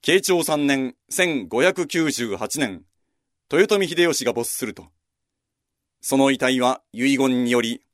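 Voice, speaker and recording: Lively Japanese man narrating history. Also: medium pitch, takes it slowly, dry recording, clean studio sound. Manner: lively, conversational storytelling with asides.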